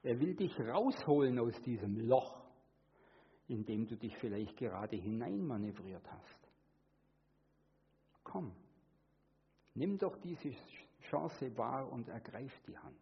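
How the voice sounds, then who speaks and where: A man preaching a sermon, earnest, moving between hushed and emphatic delivery. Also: big pitch swings, slow pace, long pauses, husky, muffled recording. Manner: acts out quoted voices with sudden high pitch.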